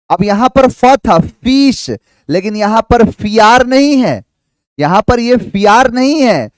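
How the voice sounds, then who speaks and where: A man teaching an English lesson, spelling out sounds slowly and checking in with "clear?". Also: high voice, a little mellow, dry recording. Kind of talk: classroom lecture.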